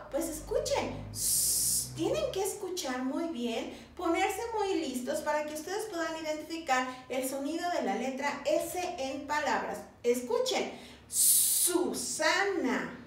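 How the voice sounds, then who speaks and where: A woman teacher giving a patient, sing-song reading lesson to young children, repeating each word slowly. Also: high-pitched, expressive, distant mic, a little hiss or hum. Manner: slow, patient, sing-song, drills words by repetition. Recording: roomy echo, voice from the mic.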